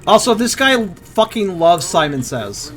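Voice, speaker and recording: A man's voice: sits high, very animated, unhurried, a bit bright. A man chatting casually and informally, with some swearing, while playing an online game with friends. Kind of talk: casual chat while gaming.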